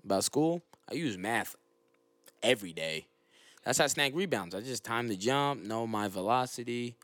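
A man's voice: medium pitch, lively intonation, moderate pace, fairly bright tone, no echo. A man chatting casually as a podcast guest, boasting and then mocking himself, with profane slang. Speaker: podcast guest, friend of host. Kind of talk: casual chat.

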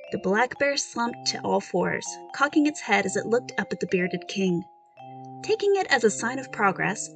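Woman reading her own story, middle pitch, faint music under it. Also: a bit bright. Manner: self-deprecating, casual in asides. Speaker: storyteller and author. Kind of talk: story narration.

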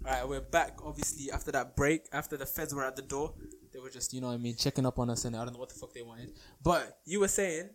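A man's voice: medium pitch, quick pace, slight background noise. A young man with a London roadman accent bantering casually as a podcast co-host, full of slang and swearing. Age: young adult. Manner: swears freely.

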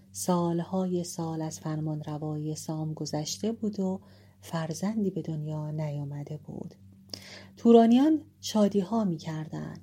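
A woman storyteller narrating an old epic with measured, dramatic pacing. Her voice sits low and sounds husky and mellow throughout. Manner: measured, dramatic, shifting pace for suspense. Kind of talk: expressive narration of an epic tale.

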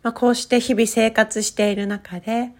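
A woman coach with a higher-pitched voice leads a guided breathing exercise, her drawn-out instructions soft and calming though delivered flatly.

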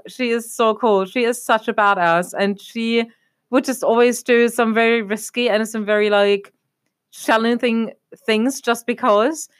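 A young adult woman from Germany chatting casually as a podcast co-host, rambling and leaning on fillers like "obviously.". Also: a little high. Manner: rambling, leans on fillers like "obviously" and "a whole thing". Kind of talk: casual chat.

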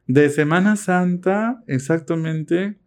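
Un hombre con acento peruano que, como copresentador, habla de forma reflexiva y bromista en una charla casual, con muchas muletillas. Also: male voice, a little high, takes it slowly, darkish tone. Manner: reflective, teasing, with many fillers. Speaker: podcast co-host. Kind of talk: casual conversation.

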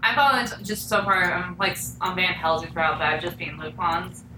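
A woman co-hosting a podcast in casual chat, animated and often exasperated. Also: on the low side, a little fast. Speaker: podcast co-host. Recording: roomy, distant mic, faint noise.

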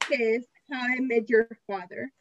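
A woman's voice: a little high, steady tone, measured pace, muffled recording, a little hiss or hum. A Costa Rican woman co-hosting a casual podcast chat, emphatic, dropping English phrases into her Spanish in Spanglish. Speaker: podcast co-host.

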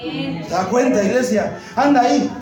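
High-voiced pastor, booming hall. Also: male voice, expressive, normal speed, far from the mic, over music. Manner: preaches with call-and-response questions, often shouting. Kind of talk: sermon. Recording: heavy echo of a church hall.

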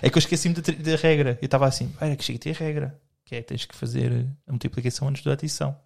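A man's voice: medium pitch, fairly even intonation, racing, gravelly. A young man with a European Portuguese accent, co-hosting a podcast in rambling, joking casual chat full of slang. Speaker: podcast co-host.

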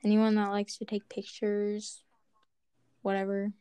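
A woman's voice: medium pitch, monotone, a little slow, warm tone, clean tone, no room sound. A young woman co-hosting a podcast in casual chat, upbeat and chatty, full of "like" fillers. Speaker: podcast co-host.

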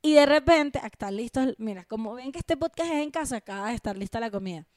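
A young woman co-hosting a podcast at home, telling a story in an animated, crude, self-mocking way. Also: on the high side, fast talker, dry recording, studio quality. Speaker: podcast co-host. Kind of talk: casual storytelling chat.

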